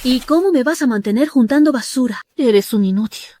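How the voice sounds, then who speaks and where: A woman's voice: high voice, expressive, brisk, dark tone. A woman voicing a greedy, scornful young girlfriend in an anime, with a whiny, demanding manner.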